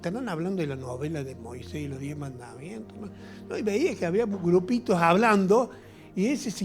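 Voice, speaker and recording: Animated middle-aged Argentine pastor preaching. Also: male voice, sits high. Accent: Argentine Spanish. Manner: animated and humorous, acting out little scenes. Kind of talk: sermon.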